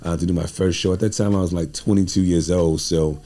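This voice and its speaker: Speaking quickly with a low, dark voice and fairly even intonation, a playwright and producer in his forties guests on a podcast. His storytelling is casual and earnest, with an informal, street-inflected style.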